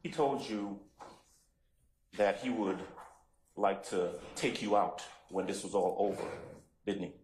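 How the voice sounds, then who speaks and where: A man questioning a witness as a defense attorney in court, putting pointed leading questions in deliberate phrases. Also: on the low side, darkish tone, a little hiss or hum. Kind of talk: courtroom cross-examination. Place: courtroom, indoors. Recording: echoey courtroom sound.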